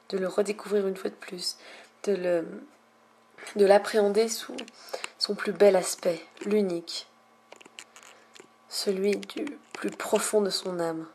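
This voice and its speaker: A young woman speaking low and hushed, at times near a whisper, narrating a game in florid, hesitant phrases. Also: a little hiss or hum. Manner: lyrical, florid wording with many hesitations. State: slight cough lately. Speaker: video game player narrating own recording. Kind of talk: hushed late-night game commentary.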